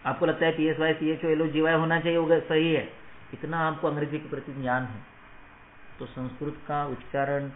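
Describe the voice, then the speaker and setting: A man giving a motivational lecture to students, emphatic and rhetorical, checking for assent and mixing Hindi with English phrases. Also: fairly high pitch. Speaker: Ayurveda teacher. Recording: echoey room, tinny phone-like sound, faint noise.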